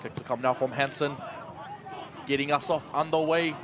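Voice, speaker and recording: Animated Kiwi man commentating over loud crowd. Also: a little high, moderate pace. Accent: broad New Zealand. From New Zealand. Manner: animated announcer delivery. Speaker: lead rugby league commentator. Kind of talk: live sports commentary. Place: outdoor sports ground. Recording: noisy outdoor ground, loud crowd. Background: loud crowd and outdoor noise.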